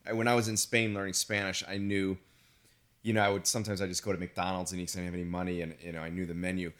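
A man hosting a casual podcast interview, asking short questions and giving quick affirmations. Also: deep voice, level tone, a bit bright. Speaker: podcast host.

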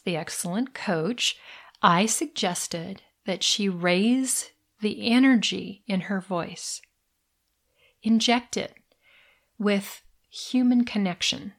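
A middle-aged woman hosting a solo coaching podcast, speaking warmly and deliberately and slowing down to stress words. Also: medium pitch. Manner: warm, deliberate, slows down for emphasis.

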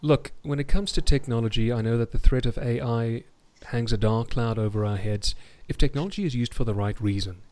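A man's voice: mid-range voice, fairly quick, hardly any pauses, a little mellow. Articulate man with a refined Home Counties accent. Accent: refined RP, English Home Counties. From South Africa. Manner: articulate, formal extended vocabulary. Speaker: podcast guest. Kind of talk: reflective personal interview talk.

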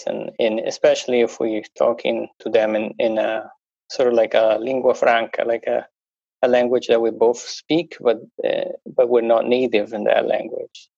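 A guest on a podcast, a man speaking English as a second language, works through conversational interview talk with many restarts and fillers. His mid-range voice is flat, gravelly, slightly mellow, and breathy-edged at a moderate pace. The recording has no echo and a dull, dry lo-fi sound.

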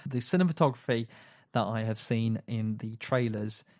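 A man's voice: medium pitch, normal speed, darkish tone, no room sound, studio quality. A man hosting a casual film podcast, chatty, with frequent fillers and restarts. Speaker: podcast host.

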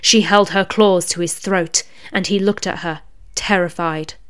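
A woman narrating a dark fantasy story in a steady, even reading voice. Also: on the low side, a little slow.

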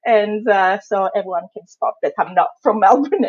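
A woman with a thick Italian accent, talking in a relaxed interview as a guest expert. She is chatty and laughs often, and her voice has a slightly husky edge. The recording is dry and a bit dull. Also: medium pitch, moderate pace, no room sound. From Italy. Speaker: guest, blogging legal expert. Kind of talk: casual interview.

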